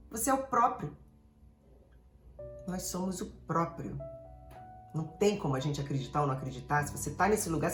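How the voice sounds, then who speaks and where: Animated Brazilian woman therapist. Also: fairly low pitch, reverberant. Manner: animated, digressive, addresses listeners directly. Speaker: emotional therapist. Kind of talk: motivational talk to an audience.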